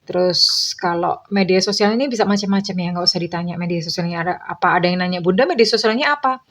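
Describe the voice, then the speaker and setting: A woman's voice: on the low side, little pitch movement, fast. A woman tarot reader speaking casually to her viewers, chatty and meandering, with many fillers.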